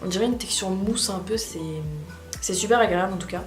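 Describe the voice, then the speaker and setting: A woman's voice: medium pitch, fairly even intonation, fast. A woman chatting casually as a beauty vlogger while testing makeup, rambling with frequent hesitations. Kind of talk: casual makeup tutorial chat. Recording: echoey room with faint music.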